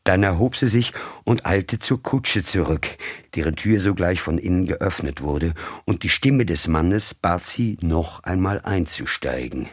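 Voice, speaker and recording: A man narrates a story in an extremely deep, husky voice. He reads slowly and deliberately, and the recording is close and completely dry. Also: expressive, no room sound. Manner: slow, measured storytelling. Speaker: audiobook narrator. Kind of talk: scripted narration.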